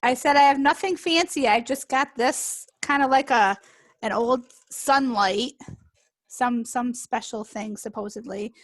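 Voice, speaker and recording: Slightly high woman organizer on a call. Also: measured pace, dry recording. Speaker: meetup organizer. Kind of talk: casual video call chat. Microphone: computer mic on video call.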